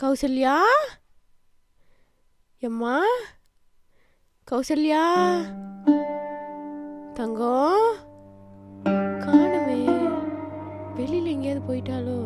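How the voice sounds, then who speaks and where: A heartbroken mother, dubbed by a woman with a high, slow, reproachful delivery. She scolds and laments in a short-film dub. Music plays underneath. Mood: wailing search. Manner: reproachful, wailing. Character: anguished mother scolding her daughter.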